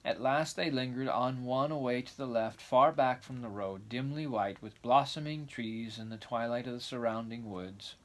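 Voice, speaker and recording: A man reads a storybook aloud as a storyteller, in a mid-pitched voice. His narration has small stumbles that he corrects as he goes. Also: moderate pace, hardly any pauses.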